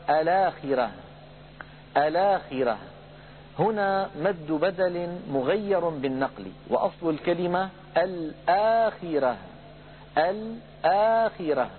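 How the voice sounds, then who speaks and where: A middle-aged man teaching Quran recitation, explaining rules calmly to his brothers in the audience and demonstrating verses in a slow, drawn-out chant. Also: a little high. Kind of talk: religious lesson lecture. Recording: tinny phone-like lo-fi recording with faint hum.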